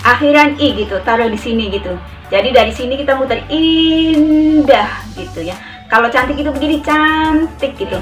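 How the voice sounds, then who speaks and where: A woman with a high voice leads a casual sign language lesson, repeating each word slowly as she demonstrates it. She sits a little away from the mic. Soft music plays faintly underneath. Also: animated, far from the mic. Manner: chatty, repeats words slowly while demonstrating signs. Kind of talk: casual tutorial.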